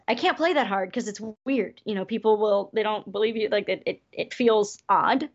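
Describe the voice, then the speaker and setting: A woman who works as a festival variety performer, chatting in an interview in an upbeat, chatty way full of quick asides. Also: medium pitch. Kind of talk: casual interview chat. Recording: dull lo-fi sound.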